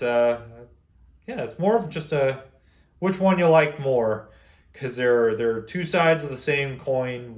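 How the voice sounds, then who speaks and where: A man's voice: medium pitch, echoey room. A young man with a nasal voice reviewing guns in a casual, rambling way, full of fillers and restarts. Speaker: gun reviewer, channel host. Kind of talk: casual unscripted video review. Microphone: camera on a stand.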